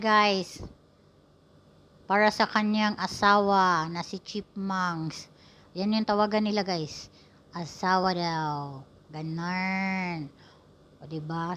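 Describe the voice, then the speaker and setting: A woman's voice: mid-range voice, fairly bright tone. A woman giving playful, teasing voice-over commentary on a video for her viewers. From Philippines. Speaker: vlogger narrating a video.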